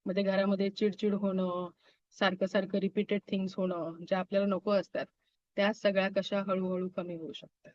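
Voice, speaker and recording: A woman's voice: medium pitch, little pitch movement, darkish tone, no room sound. A woman teaching a Reiki class over a video call, often checking in with her students and slipping English phrases into her speech. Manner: asks the class quick check-in questions. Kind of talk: online class lecture. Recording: dull, dry video-call audio.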